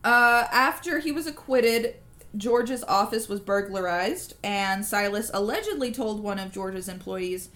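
A woman hosting a casual true crime podcast, telling the story in an animated way with swearing and laughter. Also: medium pitch, measured pace.

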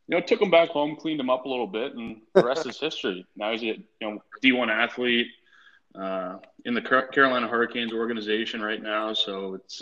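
A man telling a joking tall tale on a podcast in a deadpan way. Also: mid-range voice. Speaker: podcast guest. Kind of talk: casual storytelling. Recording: dull lo-fi audio.

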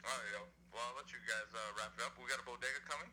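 A man's voice: medium pitch, steady tone, very fast, bright, forceful tone, a little hiss or hum. A man calling in to a podcast, heard through a phone on speaker, joining the laid-back banter. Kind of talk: casual chat.

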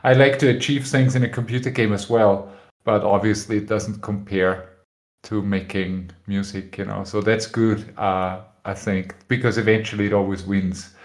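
A young Austrian man appears as a guest musician on a casual podcast interview, speaking frankly and often groping for words. His voice is lowish, with fairly even intonation and a moderate pace.

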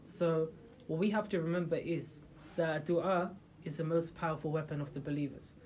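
A group's religious talk leader speaks informally to a small gathering in a room, in a mid-range, darkish voice with fairly even intonation and moderate pace. They pose rhetorical questions and often restart sentences. A little hiss or hum is audible.

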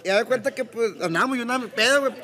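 A man's voice: extremely high pitch, rapid-fire, sharp tone. A young man, telling a rambling, profane story in casual podcast chat. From Mexico. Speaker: podcast guest.

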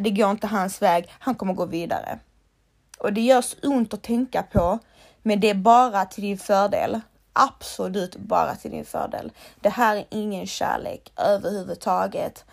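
Blunt, swearing young woman with a gravelly edge. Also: mid-range voice, a little mellow. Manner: blunt, emphatic, swears freely, repeats for emphasis. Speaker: advice-giver. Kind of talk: heartfelt direct-to-camera advice.

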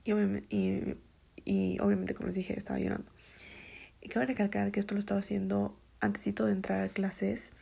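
A woman in her twenties telling a personal story in a soft, hesitant way, often dropping to a half-whisper. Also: mid-range voice, completely flat delivery, a little fast, creaky, breathy edge. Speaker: vlogger.

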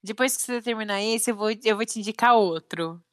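High-voiced young woman podcaster. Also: fairly quick, dry recording, clean studio sound. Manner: chatty, laughing, slangy. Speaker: podcast co-host. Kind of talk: casual chat.

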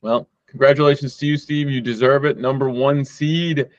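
A man hosts a casual podcast among friends. He steers each segment and tosses questions around the group. His voice sits at an ordinary pitch, dry and close, through a dull, lo-fi recording. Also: steady tone, moderate pace, dry recording. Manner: hands off questions, runs the segments. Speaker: podcast host. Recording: dull lo-fi sound.

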